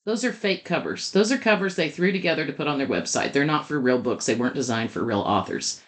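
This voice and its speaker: A woman giving step-by-step advice in a conversational interview, talking quickly and in detail. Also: low voice, lively intonation. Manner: brisk, explains step by step, talks fast. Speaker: guest expert on publishing scams.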